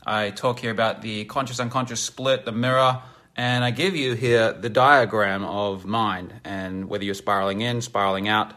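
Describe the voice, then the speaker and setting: A man giving a blunt, emphatic self-help lecture that turns into a sales pitch, swearing freely. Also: steady tone, moderate pace, bright, forceful tone. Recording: long hall reverb.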